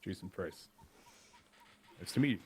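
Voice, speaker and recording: A man's voice: deep voice, expressive, normal speed, a little mellow, a little hiss or hum. A man in a role-play game voicing a casual, wisecracking male junior detective. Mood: wry.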